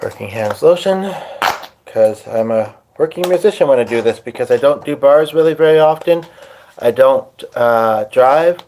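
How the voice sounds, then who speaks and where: A mid-range, expressive male voice comes through at a moderate pace on a phone, with a little hiss or hum. He's at his piano at home, live-streaming and loosely chatting to viewers while setting up to play, rambling as he goes, in a casual chat originally in Hungarian.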